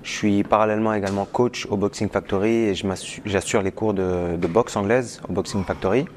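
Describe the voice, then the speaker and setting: Un homme qui répond calmement en interview, sur un ton mesuré, en hésitant de temps en temps. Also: male voice, on the low side, a little hiss or hum. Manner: calm, measured, with hesitations. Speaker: head coach of a team.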